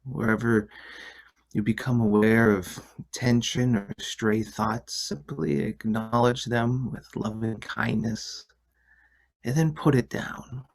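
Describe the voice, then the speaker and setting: Soft, hushed man leading slow guided meditation. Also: mid-range voice, fairly even intonation, low-quality recording. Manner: soft, hushed, soothing delivery, at times near a whisper. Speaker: guided relaxation leader.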